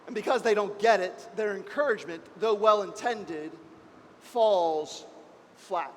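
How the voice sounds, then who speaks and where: A man preaching as pastor, impassioned, moving between hushed and raised passages. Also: high-pitched, measured pace, in a large hall, a little hiss or hum. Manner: impassioned, swings between soft and loud. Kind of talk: sermon. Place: church.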